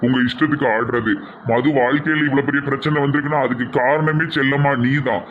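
Flat-voiced Tirunelveli man, stern. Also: mid-range voice, brisk, slight background noise. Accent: Tirunelveli Tamil. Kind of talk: comedy sketch acting. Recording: dull lo-fi sound.

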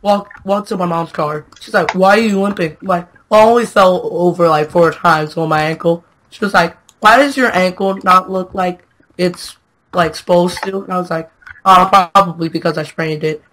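A man's voice: high voice, moderate pace, fairly bright tone, a little hiss or hum. A young man in casual chat, joking and laughing as he tells a school story. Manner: joking, teasing, laughs often. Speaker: podcast co-host.

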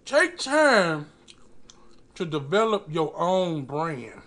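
A man, giving an emphatic, preacher-like motivational talk with dramatic pauses while chewing food. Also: on the high side, big pitch swings, a bit bright. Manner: chewing and eating while talking. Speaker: mukbang eating-show host. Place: small indoor room.

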